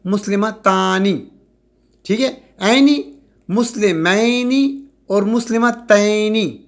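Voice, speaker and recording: High-voiced man teaching grammar. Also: creaky. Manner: slow, drawn-out repetition of example words; checks in with "ٹھیک ہے؟". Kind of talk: recorded grammar lecture.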